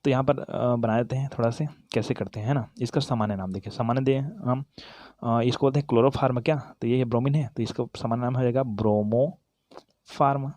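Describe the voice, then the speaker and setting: Another chemistry teacher talks directly to his class while writing, asking questions, answering them himself and correcting slips mid-explanation. He speaks fairly quickly in a mid-range, slightly mellow voice, hardly pausing, with no echo.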